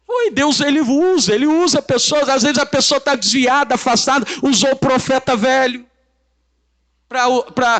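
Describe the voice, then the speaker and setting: A man's voice: high-pitched, fairly bright tone. A man with a Brazilian Portuguese accent preaching a church sermon, emphatic and repetitive, drawing call-and-response from the congregation. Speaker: pastor.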